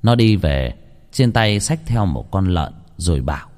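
A man narrating a ghost story in a measured, dramatic storytelling manner. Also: deep voice, very animated, a little mellow. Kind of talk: scripted horror narration.

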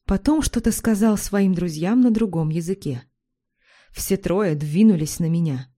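A woman narrating a first-person story in an even, confessional tone. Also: lowish voice, measured pace.

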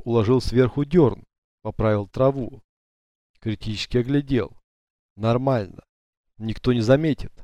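A man narrating an audiobook in an even, measured storytelling manner, on a close studio mic. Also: medium pitch, no echo. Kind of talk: scripted narration.

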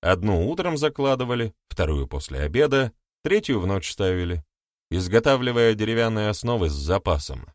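A man narrating an audiobook in a wry, lively storytelling manner. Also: on the low side, no room sound, studio quality. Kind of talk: scripted narration.

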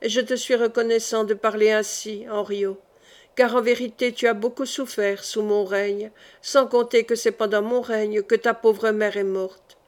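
Woman reading dying king, weary, remorseful, soft low confiding voice, audiobook. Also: little pitch movement, normal speed, natural voice.

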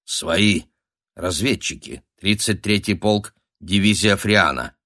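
A man's voice: low-pitched, lively intonation, slow, fairly bright tone, dry recording, clean studio sound, heavily acted. Man voicing weary lost soldiers.

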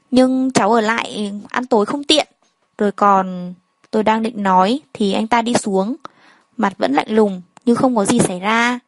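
Reading a first-person story aloud, a woman narrator uses a fairly high voice and voices all the characters in a similar plain manner. The audio is poor but dry and close, with no echo.

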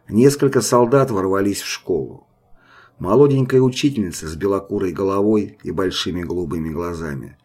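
A man narrating an audiobook in a steady, grave manner. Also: sits low, slightly rough. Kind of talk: scripted narration.

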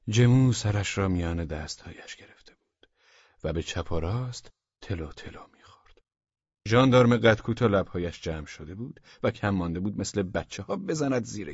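A man narrating a humorous story as an audiobook, in a warm, measured way with soft half-whispered passages. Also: lowish voice, husky, no room sound. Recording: dull lo-fi dry audiobook recording.

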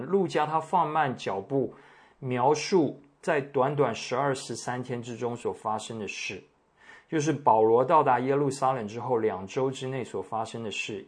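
A man preaching a sermon, reading scripture in a measured, deliberate way with pauses. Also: mid-range voice. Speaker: pastor. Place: church meeting room.

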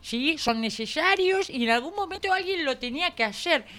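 Woman as smug upper-class Argentine commentator, condescending and gushing, animated pitch; radio sketch. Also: moderate pace. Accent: Argentine Spanish. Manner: calls everyone "querido", gushing and patronizing. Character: smug posh pro-government woman pundit, condescending. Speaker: radio comedian. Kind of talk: improvised satirical radio sketch.

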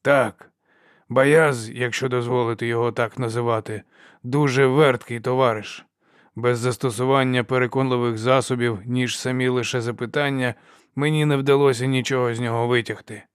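A man's voice: medium pitch, steady tone, moderate pace, clean tone, no room sound, clean studio sound, natural voice. A man voicing a crippled male inquisitor with a wry, sardonic manner.

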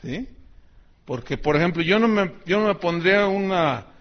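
A middle-aged Mexican pastor preaches in a loose, joking manner and acts out the voices of people in his stories. His voice sits high for a man. The recording sounds dull and lo-fi. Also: lively intonation, moderate pace. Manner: chatty and joking, acting out quoted voices. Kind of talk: sermon with personal anecdotes.

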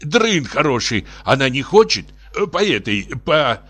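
A man's voice: mid-range voice, big pitch swings, unhurried, fairly bright tone, husky, voice pushed up, full character voice. A man voicing a blunt, plain-spoken plumber. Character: simple, blunt male plumber.

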